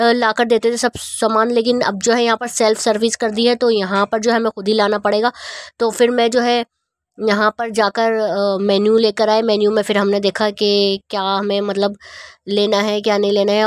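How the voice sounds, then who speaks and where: A woman's voice: mid-range voice, dry recording, clean studio sound. A woman in her thirties narrating a family vlog in a casual, rambling way with many fillers. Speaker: family vlogger. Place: outdoors on a city street at night. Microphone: phone held at arm's length.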